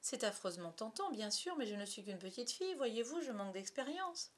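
A woman voicing a gentle, motherly little girl in a storybook reading, speaking softly and tenderly. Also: fairly high pitch, big pitch swings, a little fast. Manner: soft, tender, caring.

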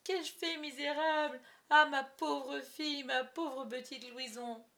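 A woman's voice: fairly high pitch, lively intonation, normal speed, a bit bright, far from the mic. A woman voicing an aging actor playing a fussy sick father, with a frantic, wailing, stagy lament, in a storybook reading.

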